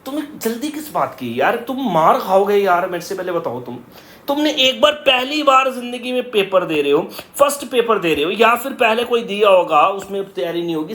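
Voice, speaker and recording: A man's voice: high-pitched, fairly bright tone. A male coaching teacher giving students blunt, direct exam advice, repeating his key points. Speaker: coaching teacher for competitive exams. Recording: roomy echo.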